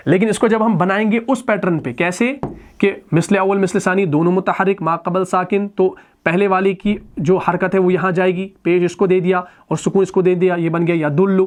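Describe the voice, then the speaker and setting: High-voiced male Arabic grammar teacher. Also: fairly even intonation. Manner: recites word forms slowly, then explains in plain terms. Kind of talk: explaining verb conjugation.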